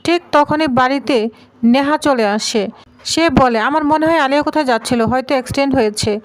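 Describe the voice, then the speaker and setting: Woman narrating a tv serial story, high voice, reads all the lines pretty much the same. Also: brisk, no echo, poor audio. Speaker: narrator retelling a TV serial episode. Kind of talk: storytelling narration with quoted dialogue.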